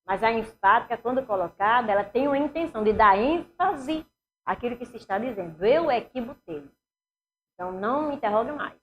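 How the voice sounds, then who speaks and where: A woman's voice: fairly high pitch, lively intonation, quick pace, lo-fi sound, slight background noise. A woman with a Northeastern Brazilian accent teaching a grammar lesson for exam preparation, asking the class questions and answering them herself.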